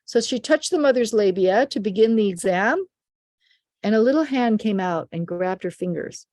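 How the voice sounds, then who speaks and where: An older woman in a dry, close recording, a midwife telling a story from her work. She speaks at a middle pitch and livens the tale by putting on the voices of the people she describes, with no room echo around her. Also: moderate pace. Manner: animated storyteller, acts out quoted voices. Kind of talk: storytelling in an interview.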